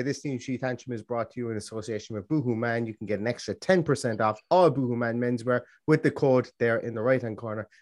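An Irish-accented man hosts a casual football live stream in a mid-pitched voice. The sound is dry and close, and he rambles along chattily. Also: a little mellow, no echo. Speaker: host of a football fan show.

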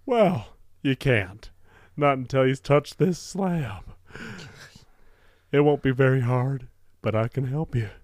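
Lively man playing a tabletop game. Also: mid-range voice, slow, dry recording, clean studio sound. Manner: friendly, buddy-like, lively. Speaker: player. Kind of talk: in-character tabletop role-play.

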